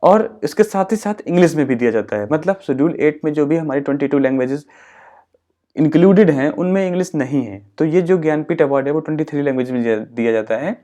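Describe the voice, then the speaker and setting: A man's voice: on the high side, expressive, mellow. Hindi-speaking man teaching exam facts. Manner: explains slowly, repeats points, mixes English terms into Hindi. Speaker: exam-prep teacher and channel host. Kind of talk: educational explainer.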